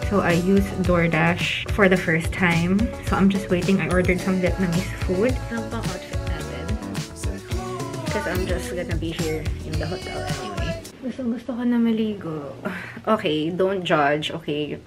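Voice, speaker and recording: A woman's voice: lowish voice, lively intonation, moderate pace. A young woman with a Filipino accent, chatting casually to her viewers from a hotel room and slipping Tagalog words into her English. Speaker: travel vlogger. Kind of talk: casual vlog chat. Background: background music.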